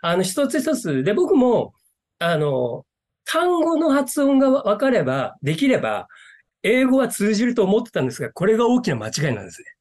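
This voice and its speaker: A man's voice: sits high, wildly swooping pitch, a little fast, a little mellow. A man who is a guest in the interview, talking earnestly and using many fillers. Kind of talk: interview conversation.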